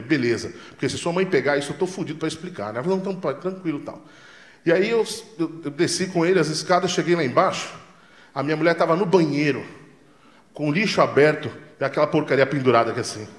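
A Brazilian man, probably in his forties, doing a stand-up comedy set, telling stories loudly and acting out the dialogue with lots of swearing, on a handheld mic on a club stage. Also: on the high side. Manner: loud, animated storytelling with acted-out dialogue and swearing. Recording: roomy club sound.

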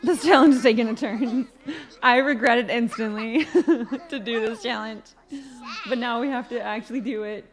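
A young woman commenting casually on a life-simulation game she is playing, expressive and quick to shriek and laugh. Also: fairly high pitch, crowd noise. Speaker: gaming video host.

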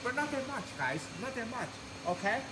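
A middle-aged man, giving a live walkthrough of a warehouse, halting with many fillers and repeated words. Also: very high voice, very animated. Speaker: company executive giving a tour. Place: large warehouse, indoors. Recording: noisy warehouse ambience.

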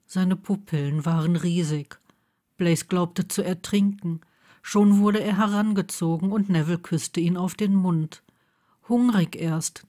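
A woman narrating a romance story as an audiobook in a measured, intimate reading. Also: on the low side, dark tone.

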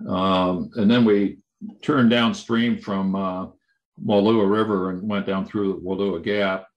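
Halting low-voiced man presenting slides. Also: fairly even intonation, highs cut off. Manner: halting, many fillers and restarts.

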